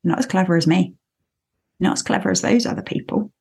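A woman voicing a self-important owl who talks down from its perch in a brisk, lecturing way. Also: lowish voice, gravelly, darkish tone, husky, pitched below the performer's own voice, heavily acted. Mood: condescending.

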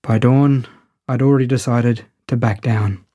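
A man's voice: mid-range voice, steady tone, unhurried, warm tone, slightly rough, dry recording, studio quality. A man narrating a first-person audio story in a wry, conversational way.

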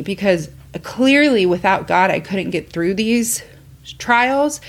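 A woman co-hosting a faith podcast, talking in an earnest, rambling way with restarts. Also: lowish voice. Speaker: podcast co-host. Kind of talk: casual faith chat.

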